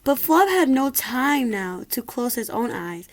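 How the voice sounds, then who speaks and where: A woman with a fairly high voice reads a rhyming picture book for children. Her delivery is expressive and story-like, with an occasional small stumble over the words. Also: unhurried. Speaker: storybook reader.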